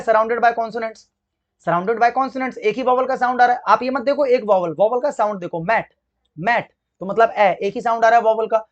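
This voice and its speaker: A man teaching English grammar for exam preparation, speaking Hindi with an accent from it, asking his class questions and answering them himself while he spells words out slowly. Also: very high voice, muffled recording. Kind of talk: exam-prep grammar lesson.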